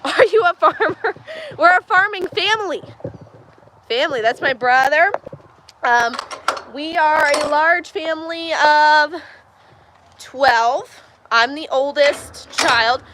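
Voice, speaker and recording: A woman's voice: sits high, slow, pauses often, noisy background. A woman from Texas hosts a casual livestream from a barn's milking stall. She chats with viewers and answers their questions while coaxing the cows along. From Texas, USA. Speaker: livestream host. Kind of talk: casual livestream chat while doing farm chores. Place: milking stall in a barn on a farm.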